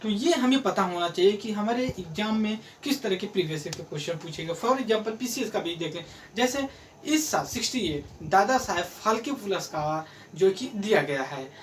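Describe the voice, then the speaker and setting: High-voiced man teaching, lots of uh and restarts, mic kinda far off. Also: expressive, moderate pace. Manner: hesitant, many fillers and restarts. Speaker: coaching centre teacher. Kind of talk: explanatory video lesson. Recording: voice from afar, faint room noise.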